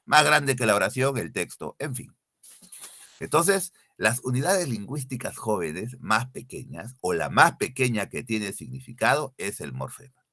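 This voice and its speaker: A man's voice: fairly low pitch, sing-song, unhurried, pushed and bright, no room sound. A male teacher giving an online exam-prep class, repeating key definitions and quizzing his students directly. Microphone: computer mic, screen sharing.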